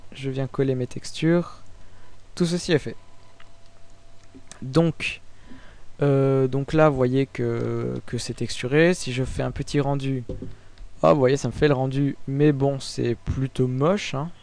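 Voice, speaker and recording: Casual, halting young Frenchman explaining software. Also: mid-range voice. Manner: halting, many fillers and restarts, relaxed and informal. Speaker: tutorial maker. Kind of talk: casual screen-recorded software tutorial.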